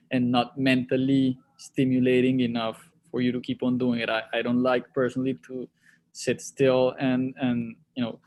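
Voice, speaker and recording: A man's voice: medium pitch, darkish tone. Reflective man. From Colombia. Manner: thoughtful, with frequent restarts and repeated words. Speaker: sports league executive guest. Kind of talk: reflective interview answers.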